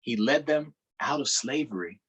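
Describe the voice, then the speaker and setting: A councilmember with a slightly husky voice hosts a virtual children's storytime, reading a picture book aloud. He's expressive, his lively pitch rising and falling, and he stops to ask the kids questions. The recording sounds muffled.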